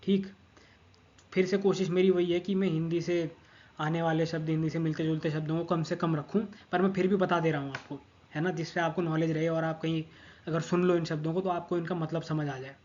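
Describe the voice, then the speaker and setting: Man, patient language teacher, repeats words, slightly raised pitch, somewhat muffled audio. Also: flat delivery, a little fast, a little mellow, slight background noise. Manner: patient, repeats each word several times and checks with "theek hai". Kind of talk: explaining grammar over a screen of notes.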